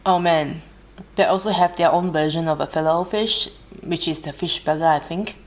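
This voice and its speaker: A woman with an Australian accent talks on her eating vlog in a somewhat low voice. She is relaxed and unhurried, breaking off to chew and hum softly between her sentences. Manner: relaxed, unhurried, pausing to eat with soft hums. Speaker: mukbang vlogger. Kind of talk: casual chat while eating.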